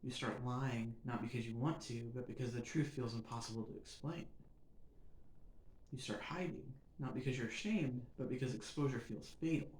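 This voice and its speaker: A man hosting a podcast, delivering a reflective scripted monologue in measured, earnest short phrases that build in emphasis. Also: mid-range voice, a little mellow. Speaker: podcast host. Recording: roomy echo.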